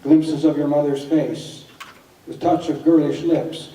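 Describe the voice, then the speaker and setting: Male cowboy poet, very dark mellow drawl, unhurried recitation, echoey room. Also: fairly high pitch, steady tone. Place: live on stage at a gathering. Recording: echoey hall, distant microphone.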